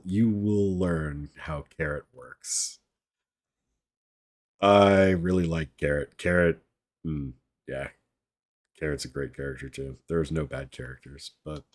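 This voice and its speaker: A man reading a novel aloud on a live stream, adding relaxed, chatty asides to his viewers. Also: extremely low pitch.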